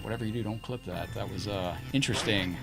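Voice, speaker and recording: A man's voice: fairly low pitch, quick pace, vocal fry, over loud music. A man hosting a live gaming stream, chatting casually with viewers as he plays at his desk at home. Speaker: game streamer.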